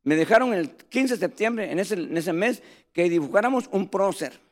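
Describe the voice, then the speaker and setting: A man's voice: sits high, lively intonation, moderate pace. A man preaching a sermon, telling stories animatedly and calling his listeners brothers.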